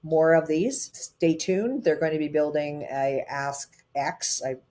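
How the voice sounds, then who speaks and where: This guest is a tech advisor with a deep voice who recounts her story animatedly. Her speech comes in fast bursts, frequently quickening, with plenty of "um" and "uh" fillers tucked between phrases.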